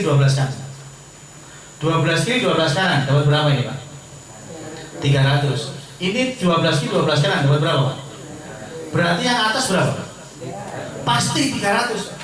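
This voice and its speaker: A man's voice: sits high, a bit bright. A man giving a persuasive sales seminar to a live audience, chatty and direct, asking the crowd questions and answering them himself. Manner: chatty and persuasive, keeps addressing listeners as "Pak". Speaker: business opportunity presenter. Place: large indoor seminar hall. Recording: very echoey hall, voice far from the mic.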